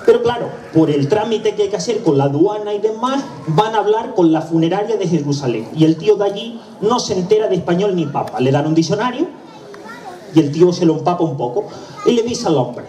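Canarian male comic, chatty storyteller, higher voice, distant mic with faint ambience. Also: lively intonation, brisk, dark tone, echoey room, slight background noise. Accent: Canarian Spanish. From La Palma, Canary Islands. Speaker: presenter and stand-up comedian. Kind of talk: live comic monologue. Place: live stage event.

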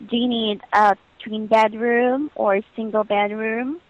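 Her voice is a little high, with fairly even intonation and an unhurried pace, and there's no room sound. She's a hotel booking agent speaking patiently and politely in stock customer-service phrases, heard through a telephone line in a muffled lo-fi call.

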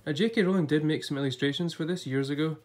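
Recovering from a recent illness, this man sounds a little off as he leafs through an illustrated book, chatting and thinking out loud in a casual review vlog. He talks quickly in a fairly high, darkish voice from a table set before a blue backdrop.

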